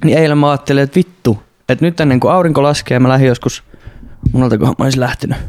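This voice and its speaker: A man's voice: mid-range voice, steady tone, darkish tone, no echo, clean studio sound. A young man, rambling and swearing a lot as he hosts a casual solo podcast. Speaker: podcast host. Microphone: studio mic close up.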